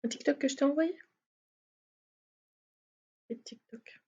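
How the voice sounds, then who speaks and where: A woman's voice: sits high, measured pace, a little mellow. A woman streaming a game live, chatting casually, swearing and laughing at herself. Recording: slightly muffled stream mic.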